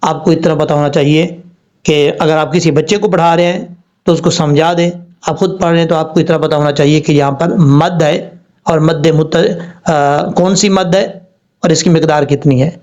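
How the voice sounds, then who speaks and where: A man's voice: fairly high pitch, fairly even intonation, darkish tone. Man patiently teaching Quran recitation. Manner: patient, step-by-step explanation with slow spelled-out recitation. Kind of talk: tajweed lesson. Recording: dull lo-fi sound.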